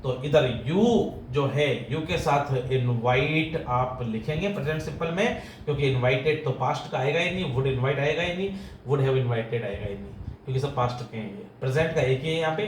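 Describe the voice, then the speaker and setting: A man's voice: mid-range voice, moderate pace. Indian man teaching grammar in an echoey room. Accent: Indian English. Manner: explains step by step, quizzes students with questions, calls them "beta". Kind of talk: classroom grammar lesson. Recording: echoey room with light background noise.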